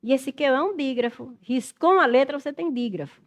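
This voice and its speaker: A middle-aged Brazilian woman with a high, fairly quick voice preps students for a Portuguese exam, working through questions, thinking aloud and spelling out letters.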